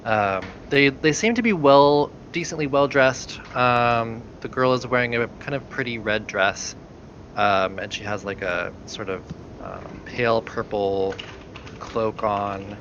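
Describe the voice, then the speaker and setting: A man's voice: lowish voice, lo-fi sound, noisy background. A man narrating a tabletop game as game master, hesitant and full of fillers.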